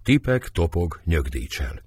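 Male play reader, very deep, lively intonation, measured. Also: husky, no echo. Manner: subdued, measured stage directions. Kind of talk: reading a stage play aloud.

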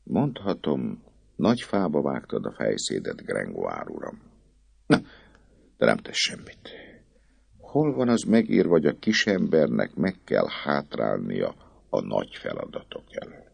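Brief: a boastful, jittery poet, a gravelly-voiced male reader putting him on, full of fussy patter and wide swoops. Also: extremely low pitch, big pitch swings, no echo, voice pushed up, exaggerated voice. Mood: fussing, muttering. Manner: rapid, fussy, self-pleased patter. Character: chatty scheming male poet, nervous and boastful.

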